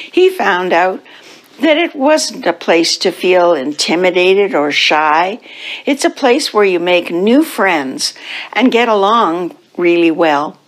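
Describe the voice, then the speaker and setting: Slow, animated woman reading a storybook. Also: on the low side, rough recording. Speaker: children's story reader at a church service. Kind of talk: reading a picture book aloud to children. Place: church.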